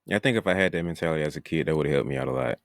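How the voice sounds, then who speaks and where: A man hosting a podcast, talking in a relaxed, reflective way with casual slang. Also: extremely low pitch, very fast, dry recording, clean studio sound. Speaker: podcast host.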